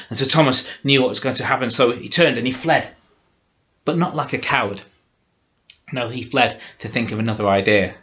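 A storyteller man with a Cheshire English accent tells a folk tale in a lively, dramatic way, with touches of dry humour. His voice sits fairly low, and the recording sounds dull and lo-fi. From Cheshire, England. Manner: lively, dramatic, warmly humorous.

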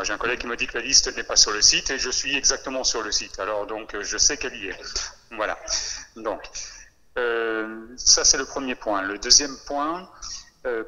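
Man on speakerphone, sharp bright tone with a long hall echo, formal and hesitant briefing. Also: mid-range voice. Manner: hesitant, with many filler pauses. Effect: heard over a phone on speakerphone. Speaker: education official addressing trainee teachers. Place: relayed into a meeting room over a speakerphone. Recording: phone on speakerphone with long room reverb.

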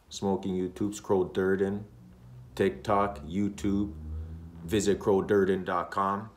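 A man in his thirties casually chatting on a smoking vlog, rambling and repeating himself with many pauses, recorded in a room on a webcam. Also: deep voice. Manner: rambling, repetitive, relaxed, with many uhs. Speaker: smoking vlogger. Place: indoor room.

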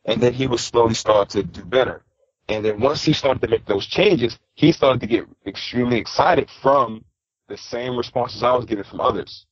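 A man's voice: medium pitch, moderate pace, breathy edge, no echo, highs cut off. A man from New York City, a podcast guest, telling stories in a casual interview and acting out what others said. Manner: animated, acts out quotes of others. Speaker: podcast guest, style coach.

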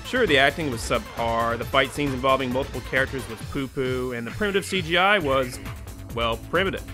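A man in his twenties hosts a video game movie review show, narrating a scripted video essay in a wry, sarcastic, profane manner. He talks a little fast at medium pitch, with music in the background, recording in a small room at home.

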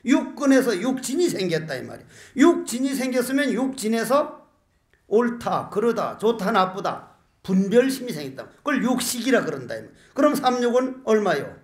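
Older monk, high-pitched man, folksy joking sermon delivery, echoey hall. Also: big pitch swings, normal speed. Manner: folksy, joking storyteller with rhetorical questions. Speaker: Buddhist monk giving a dharma talk.

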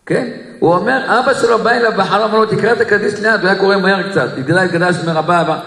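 Animated storytelling rabbi in echoey hall. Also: male voice, high voice, gravelly. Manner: animated, acts out quoted voices, drawn-out repetitions. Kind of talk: storytelling sermon.

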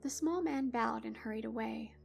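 A woman's voice: on the high side, normal speed, vocal fry, a little mellow. A woman telling a spooky story in the first person, wry and dramatic. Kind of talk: scripted horror story narration.

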